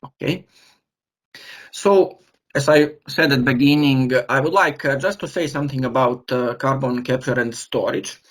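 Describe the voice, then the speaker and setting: This is a professor giving a lecture over a video call. His delivery is halting, with frequent pauses while he looks for the right word, and his pitch sits in an ordinary middle range for a man. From Serbia. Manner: halting, pauses often to search for words. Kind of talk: online lecture.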